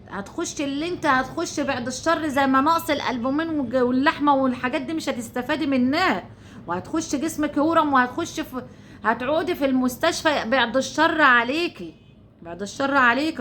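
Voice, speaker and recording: Chatty high-voiced Egyptian woman. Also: fairly bright tone, slight background noise. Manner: chatty, repetitive, coaxing viewers as "my dears". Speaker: vlogger. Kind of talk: casual commentary to viewers.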